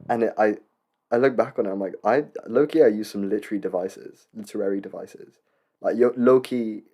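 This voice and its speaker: A man's voice: lowish voice, warm tone. A man hosting a casual solo podcast, rambling and joking with lots of restarts. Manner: rambling, full of fillers and restarts, jokey asides. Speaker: podcast host.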